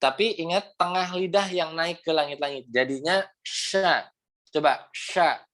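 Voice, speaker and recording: A man's voice: a little high, moderate pace, fairly bright tone. Patient male teacher on a video call. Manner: patient, repeats "seperti itu, ya" often, demonstrates sounds. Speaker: Quran recitation teacher. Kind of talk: online class instruction.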